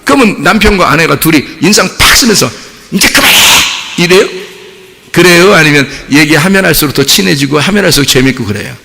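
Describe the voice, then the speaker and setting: Animated gravelly pastor preaching. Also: male voice, on the high side, fast talker, hardly any pauses, big-room sound. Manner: animated, acts out little scenes and voices. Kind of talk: sermon. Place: church sanctuary.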